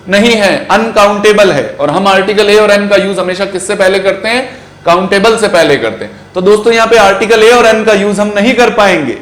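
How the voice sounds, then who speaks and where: A man with an Indian English accent teaching an exam-prep grammar lesson in a classroom, drawing out words slowly as he drills pronunciation. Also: high voice, a bit bright. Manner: slow, stretched-out pronunciation drills. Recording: echoey room.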